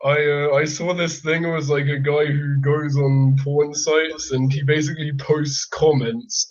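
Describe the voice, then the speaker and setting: Brief: young man, raised pitch, eager joker, dull lo-fi mic. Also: little pitch movement, measured pace. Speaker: podcast regular. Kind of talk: casual chat.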